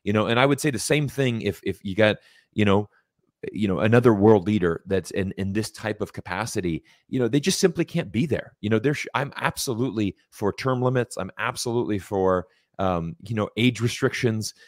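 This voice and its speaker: A man's voice: fairly low pitch, lively intonation, a little fast, dry recording, clean studio sound. An American man in his forties talking casually in an interview, emphatic and repetitive, often restarting his phrases. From United States. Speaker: guest commentator.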